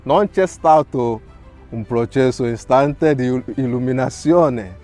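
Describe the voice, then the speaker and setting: Slow, earnest priest from Nigeria. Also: male voice, medium pitch, darkish tone. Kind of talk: reading a prepared testimony.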